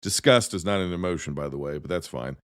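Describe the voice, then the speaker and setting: Deep-voiced man rambling about movies. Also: quick pace, clear, resonant tone, dry recording, clean studio sound. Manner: rambling, self-interrupting, animated storytelling. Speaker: podcast host. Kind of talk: casual movie chat.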